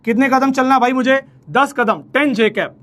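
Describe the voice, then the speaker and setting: A man teaches a relaxed math lesson. He chats playfully with his students, counts steps out loud as he draws, and keeps calling them brother. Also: very high-pitched, moderate pace. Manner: chatty, playful, talks to students as "bhai"; counts steps aloud while drawing. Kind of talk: casual Hinglish math lecture.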